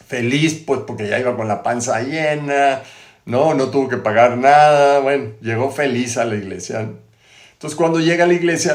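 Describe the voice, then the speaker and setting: A man's voice: medium pitch, darkish tone. A man, retelling a biography in a conversational way, full of tag questions and restarts, in a roomy-sounding recording. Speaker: host. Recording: roomy echo.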